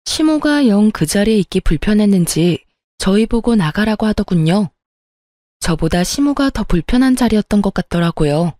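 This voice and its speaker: A woman telling a true family story in the first person, in a calm, confiding way. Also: mid-range voice, normal speed, dry recording. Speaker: narrator. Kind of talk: scripted narration of a true story.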